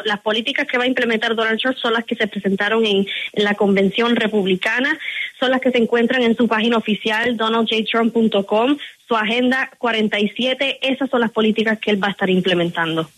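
A woman's voice: a little high, a bit bright, poor audio. A Puerto Rican woman in her twenties, a campaign guest answering interview questions in an emphatic, insistent way and often repeating words. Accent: Puerto Rican Spanish. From Puerto Rico.

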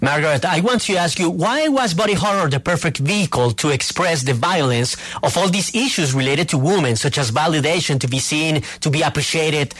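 A man's voice: on the high side, animated, fairly quick, few pauses, a bit bright, dry recording. A man interviewer asking a long, earnest question.

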